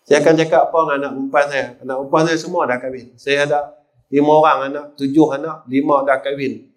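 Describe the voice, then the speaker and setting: A man's voice: a little high, little pitch movement, quick pace. Older Kedah-accented man preaching. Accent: Kedah Malay. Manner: storytelling, repeatedly addressing the audience as sirs. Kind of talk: sermon.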